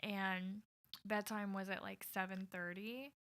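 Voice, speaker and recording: A woman's voice: medium pitch, flat delivery, slow pace, fairly bright tone. A woman co-hosting a podcast and chatting casually and jokingly as a mother about her kids. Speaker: podcast co-host. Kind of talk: casual chat.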